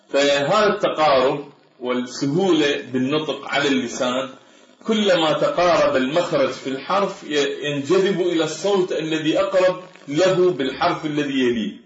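Lecturing man in an echoey room. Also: on the high side. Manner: measured, explanatory, slows to sound out example words. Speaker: Arabic language lecturer. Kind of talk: academic lecture. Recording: echoey, dull lo-fi room recording.

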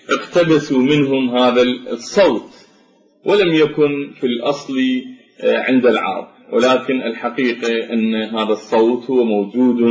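Measured male lecturer, echoey room. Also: medium pitch. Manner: measured explanatory delivery with frequent pauses and fillers. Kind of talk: spoken lecture on Arabic phonetics. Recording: dull lo-fi recording in an echoey room.

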